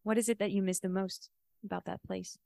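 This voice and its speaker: A woman's voice: mid-range voice, flat delivery, fairly quick, vocal fry, dark tone, no room sound, studio quality. A woman hosting a podcast interview, encouraging and affirming her guest in a casual way. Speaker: podcast host.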